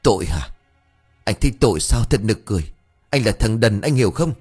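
A man voicing a grieving, furious older village man who shouts curses and mocks bitterly. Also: on the low side, lively intonation, fairly quick, breathy edge, faint music behind. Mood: bitter mocking.

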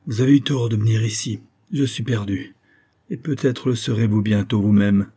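A haggard, terrified recluse, read by a man, speaking with feverish dread in an audiobook story. The voice is low and husky, dark and mellow in tone. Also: moderate pace. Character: haggard, terrified male recluse convinced he is haunted. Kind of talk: audiobook reading.

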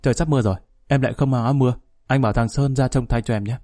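A man's voice: medium pitch, steady tone, rapid-fire, dark tone, dry recording, clean studio sound, faint music behind, natural voice. A man voicing a young police scout who reports in a casual way.

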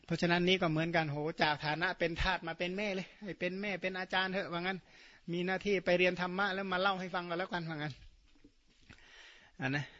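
A man's voice: high-pitched, a bit bright, highs cut off. A man, a Buddhist monk whose first language is Khmer, giving a dharma talk that retells scripture with casual spoken asides. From Surin, Thailand. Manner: explains terms, adds colloquial asides and tag particles.

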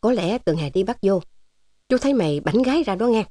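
A woman's voice: mid-range voice, expressive, quick pace, dark tone, no echo, natural voice. A woman voicing a jovial, teasing older male resistance officer in a storybook. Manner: teasing, fatherly, joking.

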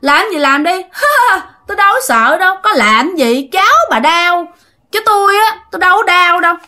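A woman's voice: lively intonation, normal speed, pushed and bright. A woman voicing a brash, mocking ghost that has possessed a girl, in a told ghost story. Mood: taunting. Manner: taunting, cocky, shrill laughing.

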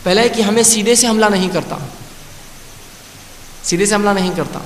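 High-voiced male preacher in an echoey hall. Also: fairly even intonation. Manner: recites Arabic verses slowly, then explains with repetition. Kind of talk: Urdu sermon with Quranic recitation. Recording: echoey hall with faint hiss.

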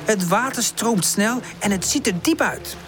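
Expressive woman reading a children's storybook. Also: medium pitch, unhurried, music in the background. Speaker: audiobook narrator.

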